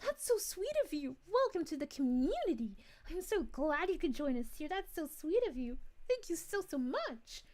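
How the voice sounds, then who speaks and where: Woman voicing a sweet young princess, high-pitched, giggly, bouncing all over, live chat stream. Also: very animated, moderate pace, hardly any pauses, a little mellow. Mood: chatty. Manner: giggly, gushing, chatty.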